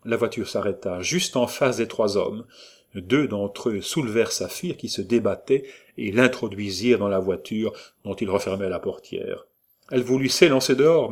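A man narrating a novel aloud with a fairly low voice. His delivery is measured and even, in the manner of an audiobook reader. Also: slightly rough.

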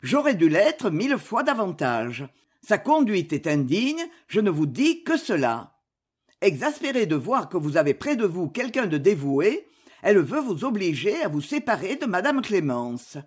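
Casting: gruff blustering old gentleman, read by a woman, husky, lowered pitch, storybook reading. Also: sing-song, moderate pace. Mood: indignant.

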